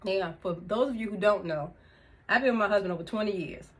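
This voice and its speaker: Speaking briskly in a mid-range voice, a vlogger in her fifties talks casually to the camera and laughs often between thoughts. She's indoors, in a room with music she has turned off.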